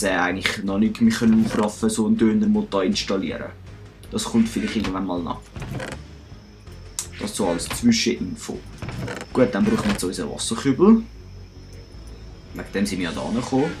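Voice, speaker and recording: Man, Swiss German accent, low-pitched, rambling self-mocking game commentary, faint music underneath. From Switzerland. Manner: chatty, self-mocking, talks to himself and viewers. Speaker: let's play host. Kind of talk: casual gameplay commentary.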